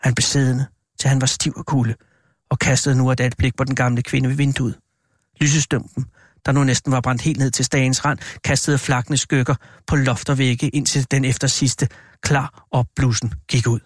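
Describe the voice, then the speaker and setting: A man narrating a horror tale as an audiobook, in a measured, deliberate way. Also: mid-range voice, level tone, no echo, clean studio sound.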